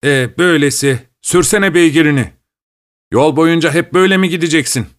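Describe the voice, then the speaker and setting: A man's voice: a little high, normal speed, pitched above the performer's own voice, close to an everyday voice. A raised, trembling voice of a bossy young hunchback, put on by a male narrator. He jeers and hurries the driver along with mocking, impatient orders. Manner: shaky, mocking, impatient shouting. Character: jeering young hunchbacked man, shrill and bossy.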